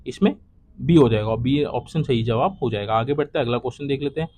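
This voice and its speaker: A young man teaching exam prep, working through quiz questions one by one and repeating each answer, his voice trailing low at the end of each. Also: fast talker, a little mellow. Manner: repetitive, drops to a low trailing voice at each close. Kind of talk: solving quiz questions aloud.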